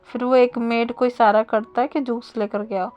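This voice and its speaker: High-voiced woman casually retelling a story. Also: fairly even intonation, moderate pace, a little mellow, highs cut off, faint music behind. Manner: chatty, with fillers and self-corrections.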